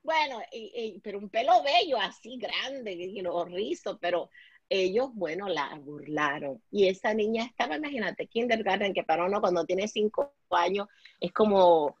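A woman's voice: medium pitch, animated, moderate pace, breathy edge, dry recording. A woman, recounting her own experiences as an interview guest. She drops in English words and restarts often, and her voice is dry and dull, as if from a lo-fi mic. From Puerto Rico. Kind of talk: personal storytelling in conversation. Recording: dull, lo-fi sound.

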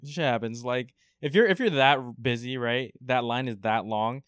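Relaxed young man, mid voice. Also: mid-range voice, normal speed, clear, resonant tone, dry recording, clean studio sound. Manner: laid-back, laughs often, relaxed asides. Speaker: podcast host. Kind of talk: casual chat.

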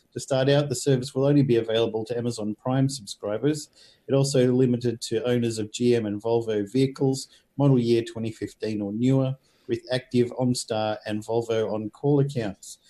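Mellow-voiced Australian man presenting tech. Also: mid-range voice. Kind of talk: reading news items and explaining them.

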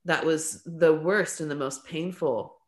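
A woman who is an artist and podcast guest, from California and Lebanon, tells stories about growing up in a rambling, casual interview, saying "like" and "um" often and laughing a lot. Her voice sits low and she speaks a little slowly, with roomy echo in the recording.

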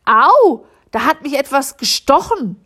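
A woman voicing a loud, shrill middle-aged mother who scolds her son. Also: lively intonation, unhurried. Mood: startled. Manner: shrill, raised voice.

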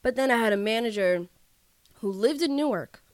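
A woman's voice: on the high side, moderate pace, dry recording. A woman, co-hosting a podcast and telling stories in casual chat, acting out the dialogue. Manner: animated storytelling, acts out quoted dialogue. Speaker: podcast co-host.

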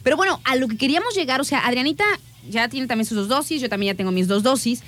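A chatty woman co-hosts a casual talk show. Her voice sits a little high, and she speaks to her audience in an easy, friendly way. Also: expressive, fast talker, a bit bright. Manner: chatty, laughs often, addresses audience as "pequeños". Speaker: co-host. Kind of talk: casual chat to listeners.

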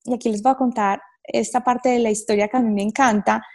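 A woman, a wellness therapist and mother, telling her personal story as a guest. She speaks earnestly, with many fillers and slowed pauses. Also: fairly high pitch, fairly even intonation.

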